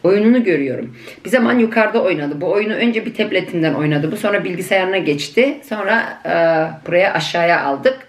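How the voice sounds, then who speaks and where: A woman's voice: lowish voice, expressive, a little fast, echoey room. A woman vlogging at home to her viewers, a mother talking in a chatty, affectionate, teasing way. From Turkey. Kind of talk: casual chat to viewers. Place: family home in Germany.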